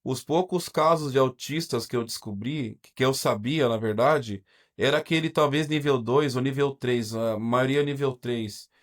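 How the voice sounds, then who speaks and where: Brazilian guy w/ brazilian accent, mid pitch, hesitant, lots of restarts, candid storytelling. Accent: Brazilian Portuguese. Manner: halting, hesitant, frequent restarts and pauses; candid, reflective. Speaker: podcast guest, teacher. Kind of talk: personal storytelling in an interview.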